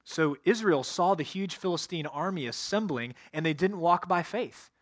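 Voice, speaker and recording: A male pastor delivers a sermon, reading scripture passages aloud and then explaining them verse by verse. His voice sits somewhat high for a man. The sound is dry, with little room echo. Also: moderate pace.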